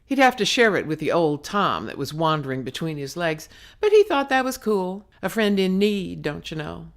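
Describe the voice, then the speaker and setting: A woman reads her own novel aloud for an audiobook, telling it dramatically with slangy, clipped phrasing. Her fairly low voice is sing-song, and her pace is normal. It's scripted narration.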